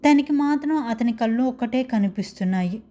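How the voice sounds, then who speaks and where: A woman's voice: fairly high pitch, expressive, brisk, warm tone. A woman narrating a dramatic love story in a scripted storytelling style.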